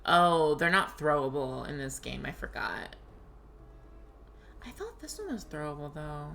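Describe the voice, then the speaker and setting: A woman giving casual, animated let's play commentary, talking to the game and her viewers. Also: low voice, measured pace, gravelly, slight background noise. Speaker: game streamer.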